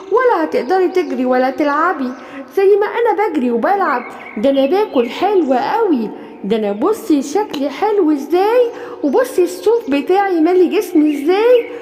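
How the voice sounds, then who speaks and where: A boastful, plump little she-goat from a children's cartoon tale speaks in a slow, drawn-out, teasing tone with an Egyptian lilt, as a woman puts her on. The voice is very high, and it carries a long, hall-like reverb. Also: darkish tone. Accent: Egyptian Arabic. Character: boastful plump young female goat, mocking.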